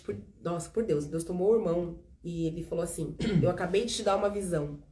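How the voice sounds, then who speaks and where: With slight background noise behind her medium-pitched voice, the host, a woman in her thirties from São Paulo, chats casually about faith testimony. She has a São Paulo Brazilian Portuguese accent and narrates with lively energy, playing out the conversations herself.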